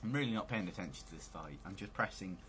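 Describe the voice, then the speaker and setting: A man's voice: low voice, lively intonation, fast, a bit bright, slight background noise. A man hosting a let's play, giving casual, joking commentary on a video game.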